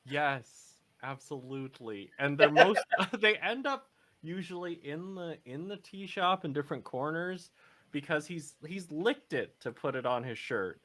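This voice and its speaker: A man's voice: fairly high pitch, lively intonation, a little slow, bright, forceful tone. A man playing a tabletop role-play game, casually narrating his character's morning with rambling restarts. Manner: rambling, with many restarts and laughs.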